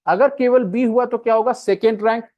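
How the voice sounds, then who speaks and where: A man's voice: extremely high pitch, fairly even intonation, normal speed, highs cut off. Male classroom teacher walking students through a puzzle, checking in constantly. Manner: checks with students again and again, mixing Hindi and English. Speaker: coaching teacher. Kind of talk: classroom lecture on a reasoning puzzle.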